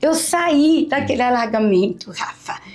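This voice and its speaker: High-voiced woman telling a story. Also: lively intonation, unhurried, darkish tone, faint music behind. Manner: emotional, repetitive, often addresses the host by name. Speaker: teacher, interview guest. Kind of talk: heartfelt personal storytelling.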